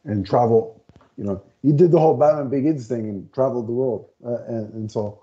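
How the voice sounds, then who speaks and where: Rambling through a comic review and often hunting for words, a male co-host speaks from his home room over a headset. His mid-range voice is very dark and mellow and fairly quick, captured on a dull, lo-fi video call during this casual chat.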